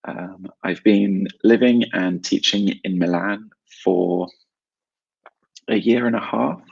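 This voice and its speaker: A man's voice: deep voice, steady tone, slow, creaky, slightly rough, dull audio. A man from South London with a South London English accent, teaching an informal online lesson in short, simple, chatty phrases with some repetition. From South London, England. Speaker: English teacher and webinar host.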